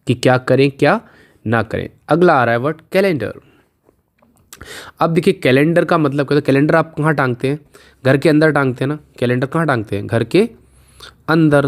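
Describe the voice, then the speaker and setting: Patient man teaching spelling tricks. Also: medium pitch. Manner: patient, repeats questions and answers, slows to spell out letters. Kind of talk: casual Hindi video lesson with memory tricks.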